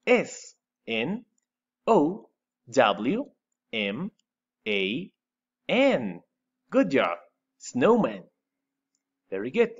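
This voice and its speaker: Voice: medium pitch, wildly swooping pitch, extremely slow, long pauses, breathy edge, lo-fi sound. An English teacher from Chile with a Chilean Spanish accent, patiently drilling words and switching between Spanish and English in a recorded lesson. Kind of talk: remote classroom lesson.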